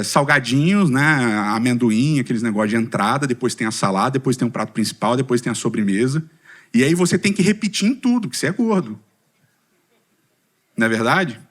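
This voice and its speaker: A middle-aged Brazilian man giving a humorous personal testimony to a church community, asking the audience questions and poking fun at himself. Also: a little high. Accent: Brazilian Portuguese. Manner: lively storytelling with self-deprecating humor, asks audience questions. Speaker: speaker at a church community talk.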